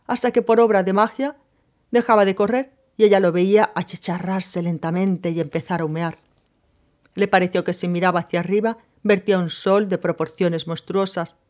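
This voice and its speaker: A woman narrating a novel in a measured, steady reading voice. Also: lowish voice. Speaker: audiobook narrator.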